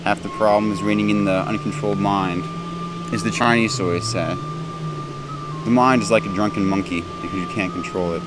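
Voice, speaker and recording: A man's voice: fairly low pitch, fairly even intonation, fairly quick, over loud music. A young man telling a rambling story at a family gathering, full of fillers and restarts. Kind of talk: casual chat at a family gathering. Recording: echoey room from a distance with noise.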